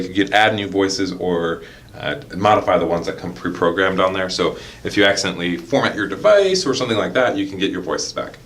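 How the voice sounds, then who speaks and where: A product demonstrator with a low voice gives an informal tutorial, explaining each step directly to the viewer in a conversational way. Noticeable ambient noise sits behind him.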